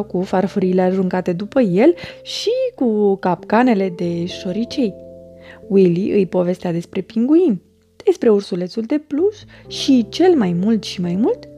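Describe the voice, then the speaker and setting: A woman narrating a children's storybook with a gentle, expressive reading. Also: mid-range voice.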